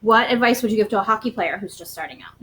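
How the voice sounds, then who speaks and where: A woman's voice: medium pitch, expressive, rapid-fire, fairly bright tone, slight background noise, poor audio. Prompting mother asking home questions. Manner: prompting, asks leading questions and fills in answers. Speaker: parent interviewing her child. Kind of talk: casual home interview on a live stream. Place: family home.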